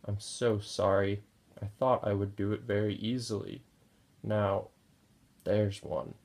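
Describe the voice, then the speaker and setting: A man voicing a tired woman in labor who stays cheerful, her voice strained, weary and apologetic, with a low flat gravelly tone. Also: slow. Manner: weary but affectionate, apologetic.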